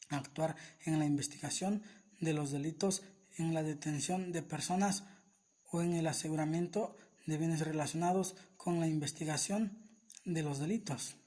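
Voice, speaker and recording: A man reading aloud a summary of a law in a formal, steady, list-like way. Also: fairly high pitch. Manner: steady, even, list-like delivery. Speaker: reader of a legal summary. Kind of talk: formal reading of legal text.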